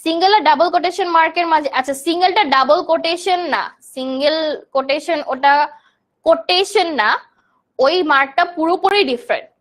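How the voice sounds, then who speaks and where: Young woman, from Bangladesh, online English teacher, high voice, live class, answers student comments. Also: brisk, a bit bright. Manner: explains terms in Bengali, reads student comments aloud.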